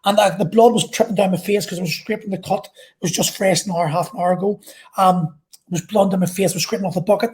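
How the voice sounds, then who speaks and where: A woman's voice: medium pitch, steady tone, darkish tone. Woman telling an intense personal story. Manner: intense, halting, repeats phrases, swears. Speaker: vlogger.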